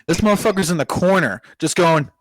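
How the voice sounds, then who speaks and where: A man's voice: sits high, lively intonation, a little fast, no room sound. A young man co-hosting a podcast, telling a rowdy, profane story in casual chat and laughing often. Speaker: podcast co-host.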